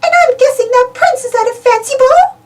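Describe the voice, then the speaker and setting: A woman voicing a sweet, perky girlish cartoon mouse in a storybook, squeaky and exclaiming. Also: fairly quick, darkish tone. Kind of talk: storybook character voice. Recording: distant mic, music behind.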